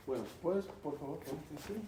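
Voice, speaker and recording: A man giving an emphatic teaching talk to a group, animated and repeating key words. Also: on the high side, brisk. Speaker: speaker teaching on faith. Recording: roomy hall, distant mic, faint hum.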